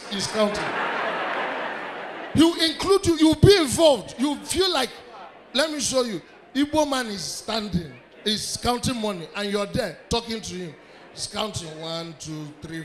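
A man with a Nigerian accent doing stand-up comedy, loud and commanding as he works the crowd. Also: very high voice. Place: comedy club stage with live audience. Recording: live crowd, faint background noise.

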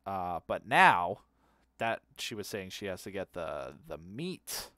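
With a low, sing-song voice and a sharp tone, a man talks slowly and casually while streaming a game. He's rambling and easily amused, repeating words aloud and humming to himself, recorded at studio quality with no room sound.

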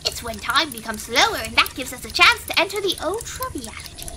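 A woman's voice: sits high, very animated, brisk, bright, forceful tone, slight background noise, exaggerated voice. A woman voicing an eccentric, kindly very old skeleton man in a theatrical game read-aloud. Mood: proud, explaining.

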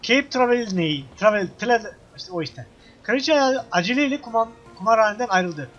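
A man's voice: sits high, animated, normal speed, a bit bright, highs cut off, faint music behind. Joking man playing a game. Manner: joking, exclamatory, talks back to the game. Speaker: gameplay streamer. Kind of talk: casual let's-play commentary.

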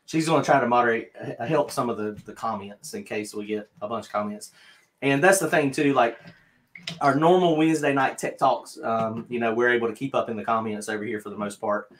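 A man's voice: medium pitch, fairly quick, a bit bright. A middle-aged man with a North Carolina Southern accent, chatting casually as a livestream host from a home studio, rambling with lots of fillers and restarts. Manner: rambling, self-deprecating, many fillers and restarts. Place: home craft studio, indoors.

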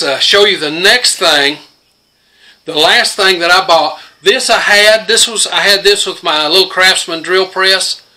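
This older man, a homesteader and host, casually demonstrates his tools in his home workshop, talking in a plain, rambling manner with many fillers. His slightly high voice sounds pushed and bright through a phone camera near the workbench.

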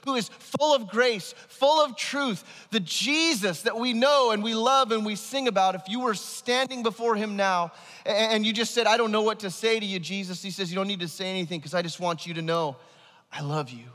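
High-voiced animated man preaching in a hall. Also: moderate pace. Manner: animated, emphatic preaching, walking the stage. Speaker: pastor. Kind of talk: sermon. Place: large church stage. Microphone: headset mic. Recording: long reverb of a large hall.

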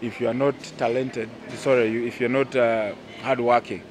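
Here a thirtysomething man with a Ugandan accent, who captains his national team from the goal, fields interview questions by a pool outdoors in a relaxed exchange. His mid-range voice shows little pitch movement and runs at normal speed, his answers halting and packed with fillers. The handheld mic picks up the outdoor ambience around him.

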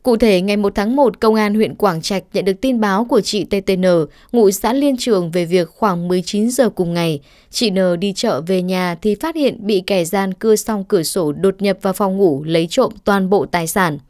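A woman reading a news report voice-over in a steady, formal way. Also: mid-range voice, normal speed, no room sound, clean studio sound.

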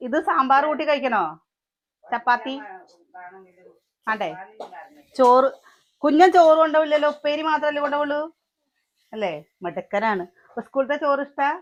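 Cooking breakfast in her kitchen, a Malayali-accented mother narrates a casual family vlog to the camera and calls to her kids. She has a high-pitched voice, speaks at a moderate pace with frequent pauses, and the recording's highs are cut off.

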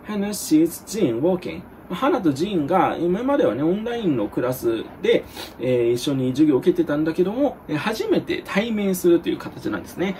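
A man in a tutor's role walks students through exam grammar in a casual, joking way. His voice sits fairly high and swings widely in pitch. A faint hiss stays under his talk. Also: sing-song, a little mellow. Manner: casual, joking asides, reads English examples slowly. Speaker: exam prep English tutor. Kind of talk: explaining grammar answers to students.

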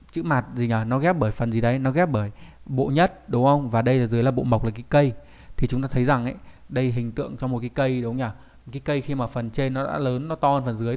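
A man's voice: mid-range voice, darkish tone. A man teaching kanji in an online video lesson, talking casually and often asking rhetorical questions and tag questions.

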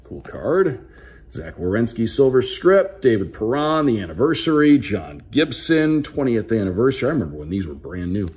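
A very animated man with a mid-range, darkish voice talks at normal speed while hosting a card unboxing. A hockey play-by-play broadcaster by trade, he keeps it casual and upbeat, announcing names as if calling a game.

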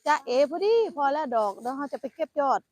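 A woman's voice: sits high, fast, a little mellow, dry recording, clean studio sound. An older woman from northeast Thailand with an Isan accent, chatting casually by a roadside while foraging and talking to her grandchild. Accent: Isan Thai. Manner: chatty, laughs often, talks to grandchild. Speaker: vlogger. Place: roadside outdoors. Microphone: phone camera.

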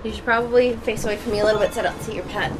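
A young woman hiccuping and laughing loudly as she chats casually while playing a video game with friends in a living room. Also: a little high, racing, over loud music. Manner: giggly, animated, loud laughter. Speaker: let's play co-host. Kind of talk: casual gaming chat.

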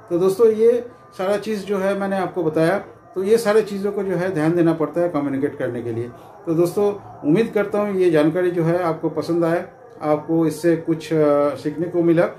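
In an echoey little room hung with curtains, with faint noise in the background, a middle-aged security training presenter walks viewers through his points. His voice is fairly high and soft-edged, and his informal, explanatory delivery repeats itself and is full of filler phrases.

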